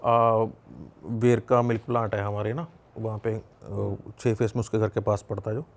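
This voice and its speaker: A man's voice: lowish voice, flat delivery, normal speed. A young Punjabi man with a Punjabi accent, telling a personal story in a casual, rambling way with many restarts. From Punjab, India. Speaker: podcast guest.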